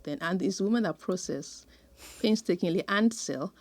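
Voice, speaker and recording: Woman guest expert, low pitch, thoughtful and measured, pauses often. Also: lively intonation, darkish tone. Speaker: sociologist guest. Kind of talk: conversational interview answers.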